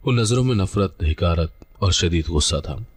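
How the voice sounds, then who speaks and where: Guy reading a dramatic story, low voice, kinda husky. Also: animated, moderate pace. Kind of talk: scripted first-person narration.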